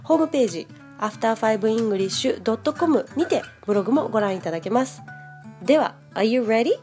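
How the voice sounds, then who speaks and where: A woman's voice: on the high side, animated, very fast, darkish tone, soft background music. A woman hosting a casual language-learning podcast, talking in a chatty, upbeat way and laughing easily. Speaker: podcast host and English teacher.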